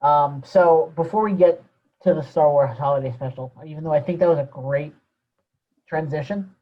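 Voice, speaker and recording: A man co-hosting a casual podcast, chatting loosely about a show with fillers and trailing off quietly. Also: on the high side, normal speed, lo-fi sound. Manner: relaxed fan talk with fillers, trailing off quietly. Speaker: podcast co-host. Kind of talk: casual chat.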